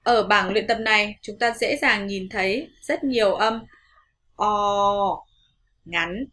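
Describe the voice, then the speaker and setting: A woman with a Vietnamese accent teaching English pronunciation in an online lesson, politely addressing viewers and modelling words slowly and carefully. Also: mid-range voice, bright, forceful tone, slight background noise.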